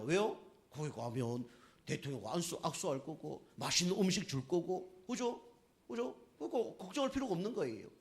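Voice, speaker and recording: A middle-aged man preaching a sermon as pastor, keeps checking in with the congregation with quick questions. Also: sits high. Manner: lively preaching, constantly asking the congregation "right?".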